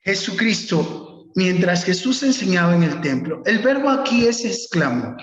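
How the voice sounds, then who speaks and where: Slow-spoken man teaching a class. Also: high-pitched, expressive. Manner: slow, instructive, calls on students by name. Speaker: preaching workshop teacher. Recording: echoey, dull lo-fi room sound.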